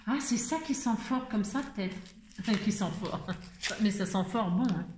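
A woman's voice: mid-range voice, normal speed, echoey room, background noise. A woman vlogger chatting casually and exclaiming as she unboxes crafts, talking to her viewers and to herself.

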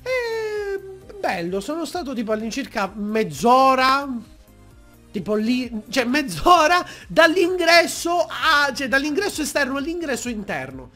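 A young man, telling a story on his vlog from a desk mic at home, acting out shouting fans. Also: measured pace, faint music behind. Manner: animated, acts out shouting fans in high yells. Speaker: YouTuber. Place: room at home. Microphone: desk mic with pop filter.

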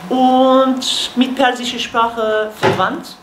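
A Turkish woman in her thirties, a native Kurmanji Kurdish speaker with a Kurdish accent, gives a guest lecture in a university seminar room, speaking haltingly with many fillers and gesturing as she explains. Her voice is fairly high and flat, picked up by a distant camera in an echoey classroom with faint noise.

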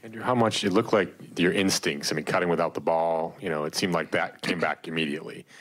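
A man's voice: deep voice, steady tone, fast talker, fairly bright tone. A male reporter asking questions at a press conference, stumbling and repeating words as he starts.

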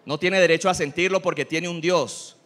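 A pastor whose voice is notably high for a man preaches a lively sermon at a moderate pace, blending humor with sincere teaching. Animated and funny, he keeps the congregation involved through jokes and questions.

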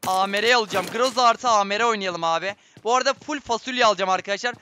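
A man giving excitable, running commentary on his own gameplay, often exclaiming when things go wrong. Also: sits high, racing, a little hiss or hum. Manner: excitable, swears and exclaims at deaths. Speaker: gaming streamer. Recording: game sounds and gunfire behind voice.

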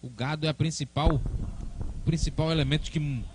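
A man's voice: fairly high pitch, steady tone, moderate pace, background noise. A man calling a football match live in a chatty, colloquial way. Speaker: football play-by-play commentator.

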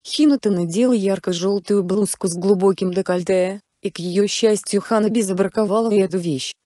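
Woman storyteller reading fan fiction; mellow, dark tone, dry close sound. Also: mid-range voice, fairly quick, dry recording.

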